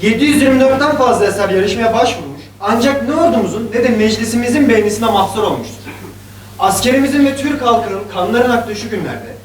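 Formal envoy, played by a man, raised pitch, distant roomy sound. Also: expressive, fast talker, slight background noise. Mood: earnest. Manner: formal, respectful. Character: respectful male deputy, earnest envoy. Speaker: deputy visiting the poet in a play. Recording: echoey hall, distant mic.

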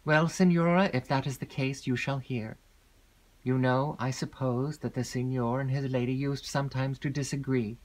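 A woman voicing a gloomy, secretive male porter in an audiobook, speaking slowly and gravely with long hesitations. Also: rumbling low, steady tone, a little mellow. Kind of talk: audiobook character reading.

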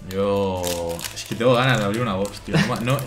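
A man in his thirties with a Castilian Spanish accent, a guest chatting casually while opening cards, relaxed and reading card names aloud. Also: on the low side, fast, background noise. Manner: relaxed, speaks in loose fragments, reads card names aloud. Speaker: guest, shop colleague. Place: indoor streaming room. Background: faint background music.

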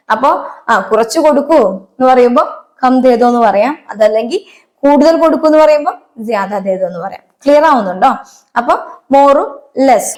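A woman with a fairly high voice, giving an online Hindi lesson. She is patient, explains step by step, and keeps checking that her students follow. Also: a little mellow. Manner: patient, checks understanding often. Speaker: Hindi teacher.

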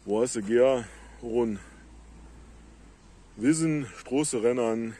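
A man with a Moselle Franconian dialect explaining plants on a casual nature walk outdoors in the countryside, in a halting, unhurried way. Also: medium pitch, dark tone. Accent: Moselle Franconian dialect of the Saar-Moselle area. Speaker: local nature video maker.

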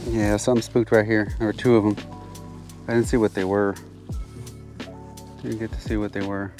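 A man's voice: on the low side, normal speed, music in the background. Guy narrating from a kayak. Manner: excited, repeats phrases, drops to hushed whispers when sight casting. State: out of breath from heat. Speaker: fishing channel host. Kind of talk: casual outdoor narration to camera. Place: kayak on open water outdoors.

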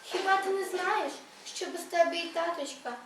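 A woman's voice: very high-pitched, moderate pace, vocal fry, a bit bright, slight background noise, pitched above the performer's own voice, heavily acted. A woman reading aloud voices a tender, frightened young village girl with a pleading tone. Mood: alarmed pleading. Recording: echoey room, read from far off.

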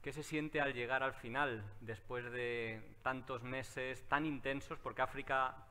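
Un hombre con acento de España que modera el turno de preguntas de una charla con calma. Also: male voice, medium pitch, unhurried, clean tone. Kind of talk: hosting a Q&A session.

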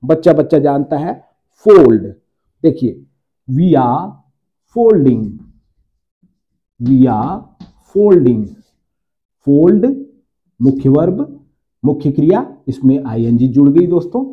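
A man teaching English grammar to his viewers, slowing down to repeat each example sentence. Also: a little high, big pitch swings, narrow, tinny audio. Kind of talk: Hindi-language grammar lesson.

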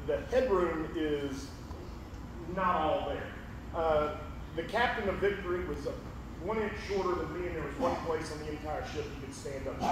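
A middle-aged high school history teacher delivers a casual public lecture in a large, echoey auditorium with a screen. His big, carrying, slightly high voice is folksy and rambling, full of ums and restarts. A distant room mic catches him from far off, with room noise and hall echo.

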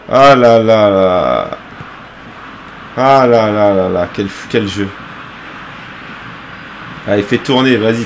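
A man's voice: fairly high pitch, sharp tone, a little hiss or hum. A young French man streaming live gameplay, groaning, swearing and bantering with chat as he plays. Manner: exasperated, swearing, groaning at the game. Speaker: gaming streamer.

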